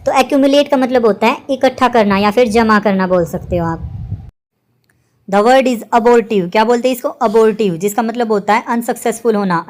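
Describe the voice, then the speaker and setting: A woman teacher, explaining word meanings with memory tricks, often asking "right?" and reading example sentences slowly. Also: a little high. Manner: repeats "ठीक है?" and asks rhetorical questions; reads English example sentences slowly and deliberately. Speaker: vocabulary teacher.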